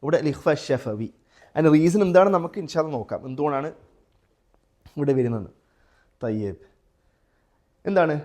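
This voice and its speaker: A man with a Malayali accent teaching a Quran recitation class, quizzing his students and chanting example verses slowly. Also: a little high, expressive, darkish tone. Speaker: tajweed teacher. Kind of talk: live class lesson with students.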